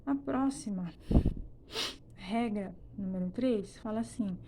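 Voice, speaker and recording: A woman's voice: mid-range voice, background noise. A woman from Brazil teaching a language lesson, explaining step by step with many restarts and checks for understanding. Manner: explains slowly, with frequent "né?" and "então" restarts. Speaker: Spanish teacher. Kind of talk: recorded classroom lesson.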